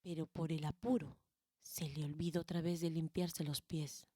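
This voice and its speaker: A woman's voice: sits low, moderate pace, no room sound, studio quality. A Peruvian woman storyteller telling a tale expressively. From Peru. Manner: expressive, animated narration. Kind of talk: oral storytelling.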